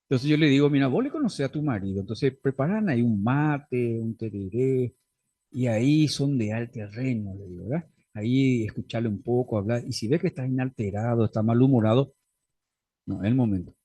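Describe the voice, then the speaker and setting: A man's voice: mid-range voice, a little fast, warm tone, breathy edge. A man teaching a faith-based class on family conflict in a conversational way, often checking in with his listeners. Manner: conversational teaching, frequent tag questions.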